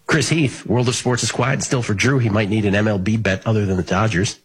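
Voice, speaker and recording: A man with a rough, husky voice hosting casual sports betting talk and reading out messages. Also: on the low side, steady tone, fairly quick. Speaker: sports talk show host.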